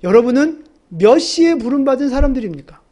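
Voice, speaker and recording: A woman's voice: sits high, lively intonation, brisk, mellow. A woman pastor preaching a sermon, emphatic and asking the congregation rhetorical questions.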